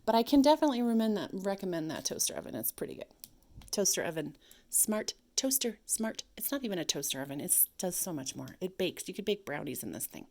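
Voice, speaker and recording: A woman's voice: on the low side, very animated, fast talker, darkish tone. A married woman vlogging at home while she cranks a sock machine. She talks on and on to herself, now and then tossing in silly sound effects. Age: adult, married. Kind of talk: casual chat while working a sock machine. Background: clicking sock machine mechanism.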